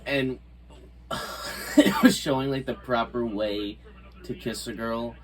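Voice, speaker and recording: A young adult man chatting casually as a vlog guest, laid-back and halting, with slangy wording. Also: medium pitch, fairly even intonation, poor audio. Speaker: guest boyfriend. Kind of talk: casual chat.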